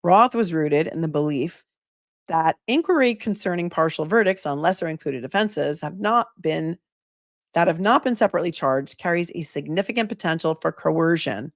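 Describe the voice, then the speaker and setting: Her voice low and worn hoarse, an animated woman attorney reads a legal brief on her channel with deliberate, emphatic pacing, then turns to relaxed talk with a guest. It's a dry, studio-quality recording.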